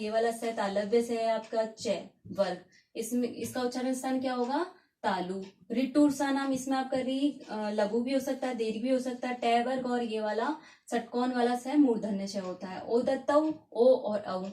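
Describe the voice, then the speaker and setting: Lady teacher going over stuff, repeats every term twice, kinda high voice, roomy echo. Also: a little mellow. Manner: repeats key terms and asks herself questions. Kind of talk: classroom-style lesson. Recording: echoey room.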